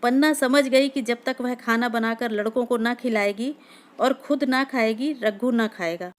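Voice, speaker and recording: Woman narrating a classic story, somewhat high voice. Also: unhurried. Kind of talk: reading a classic Hindi short story aloud.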